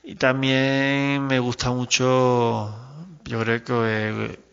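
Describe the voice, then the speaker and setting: A man, recording a voice message for a podcast in a measured, musing way. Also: medium pitch, flat delivery, creaky, a bit bright, a little hiss or hum. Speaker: listener sending an audio message. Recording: dull, reverberant lo-fi audio.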